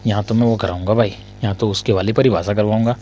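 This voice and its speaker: A male Hindi grammar teacher in a casual lesson. He asks his students questions, answers them himself, and often coughs and clears his throat. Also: fairly low pitch, steady tone, quick pace, dark tone, slight background noise.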